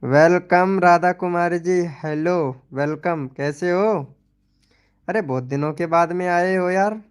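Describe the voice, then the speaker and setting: A man's voice: sits high, takes it slowly, clear, resonant tone. A young man hosting a casual live stream, chatting and teasing viewers by name while reading their comments. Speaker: live stream host promoting channels.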